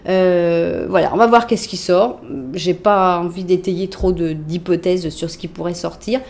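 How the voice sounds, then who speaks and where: A French woman talks her viewers through a tarot spread in a loose, friendly way. She muses aloud, jokes a little and fills her pauses with small hesitations. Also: fairly low pitch, steady tone, creaky, darkish tone. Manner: chatty, playful, thinking aloud with fillers. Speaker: tarot reader. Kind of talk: casual tarot reading to camera.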